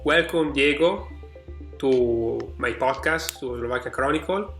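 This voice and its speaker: A man hosts an interview podcast in a mid-pitched voice. He uses non-native phrasing and drops into soft asides. The room gives his voice a clear echo, with faint music behind. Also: unhurried. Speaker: podcast host.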